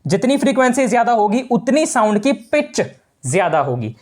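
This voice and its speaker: A man's voice: very high-pitched, sing-song, moderate pace. A male teacher giving a casual physics lesson to students, talking informally and repeating the key points.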